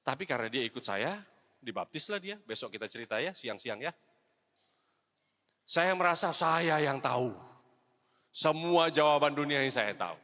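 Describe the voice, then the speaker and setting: Bright-voiced preacher in a reverberant hall. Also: male voice, on the high side, expressive, moderate pace, pauses often. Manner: personal storytelling, mixes English phrases, addresses "saudara"; swings between loud exhortation and hushed confession. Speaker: evangelist preacher. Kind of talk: sermon. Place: church hall.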